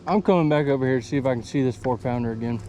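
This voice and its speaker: A man giving casual running commentary while fishing from a boat outdoors. He is excitable and slangy, and he talks to the fish. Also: medium pitch, racing, slight background noise. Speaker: fishing vlogger.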